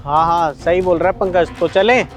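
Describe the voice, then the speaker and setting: A man's voice: sits high, normal speed. A man acting a suspicious husband who questions and accuses his wife. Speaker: husband in a short drama. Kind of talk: scripted short-video drama acting. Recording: faint background music.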